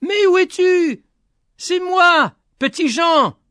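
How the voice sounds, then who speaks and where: A man voicing a desperate young peasant man, shouting high and frantic in a storybook reading. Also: expressive, slow, dry recording, clean studio sound, full character voice.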